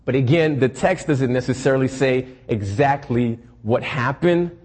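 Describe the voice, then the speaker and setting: A young Haitian man working as a church intern delivers announcements and a sermon in an earnest, measured manner, often saying "um." His voice is medium in pitch with a darkish tone.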